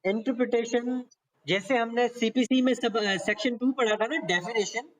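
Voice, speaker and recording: In dull, lo-fi audio, a high-pitched Pakistani man delivers a law lecture at a moderate pace. It's a conversational exam-prep session where he explains legal text step by step, repeating himself and tossing in frequent check-in tags.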